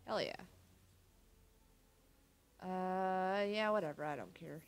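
A woman's voice: lowish voice, slow, smooth. A young American woman with a cold, casually commentating as she plays a card game at her computer, often muttering to herself. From United States. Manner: laid-back, muttering to herself while playing. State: stuffy with a cold, sniffly. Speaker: gaming channel host. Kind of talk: casual let's-play commentary. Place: home room, seated at computer.

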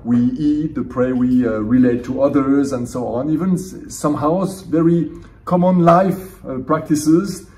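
A man's voice: fairly high pitch, fairly even intonation, normal speed, darkish tone, recorded from a distance. A middle-aged man from France with a French accent, a theology professor answering interview questions thoughtfully, often restarting his phrases. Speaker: theology professor and seminary dean. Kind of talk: conference interview. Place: indoor conference room.

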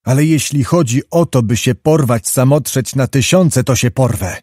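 Blunt young soldier, voiced by a male narrator, terse and stubborn; mellow, dry read. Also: medium pitch, normal speed, dry recording, natural voice. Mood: defiant. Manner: terse, clipped replies.

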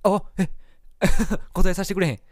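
A man's voice: high-pitched, fairly even intonation, slight background noise. A man with a Kansai accent giving casual, joking commentary while playing a game. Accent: Kansai Japanese. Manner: joking, quick reactions. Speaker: let's play host.

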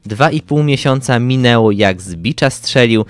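A young adult man co-hosts a podcast, delivering prepared material in a mid-range voice with lively intonation at a moderate pace. Music plays behind his voice.

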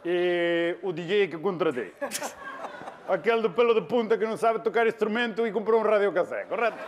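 A man's voice: high voice, a little fast, lightly acted. A man playing a boastful, mustached accordion singer in a TV comedy sketch. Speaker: comic singer. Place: TV studio stage with live audience.

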